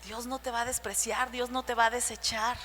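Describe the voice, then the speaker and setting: A woman preaching a sermon to the women of her church, with a shrill voice, sharing personal stories and asking the listeners rhetorical questions. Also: level tone, a little fast, bright, forceful tone. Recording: church hall reverb with faint hum.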